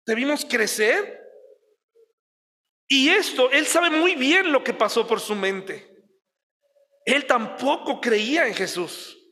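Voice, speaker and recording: High-voiced Mexican preacher in a hall. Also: male voice, lively intonation, slow, long pauses, bright, forceful tone. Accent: Mexican Spanish. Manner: conversational, asks the listeners questions, acts out little everyday scenes. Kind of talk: sermon. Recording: long reverb of a large hall.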